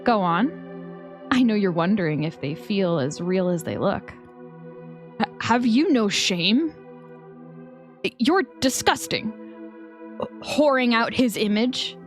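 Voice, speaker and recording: Brief: woman reading the part of a flustered man, stammering, indignant, slow and drawn out, faint music behind. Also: medium pitch, animated.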